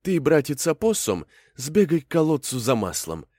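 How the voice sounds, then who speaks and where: A man's voice: a little high, big pitch swings, moderate pace, mellow, dry recording, pitched above the performer's own voice. A fussy, self-important old male fox talks in a raised, bossy way, as a man voices him. His delivery swings widely up and down like a storybook judge. The recording is dry and close. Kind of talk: storybook reading.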